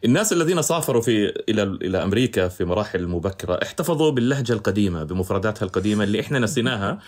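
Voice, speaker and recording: Very fast-talking Palestinian man, low-pitched. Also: lively intonation. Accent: Palestinian Arabic, rural Jerusalem and Ramallah area. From Palestine, villages near Jerusalem and Ramallah. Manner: bookish, slips into formal Arabic wording. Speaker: podcast guest. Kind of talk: reflective conversational interview, mixing dialect with formal Arabic.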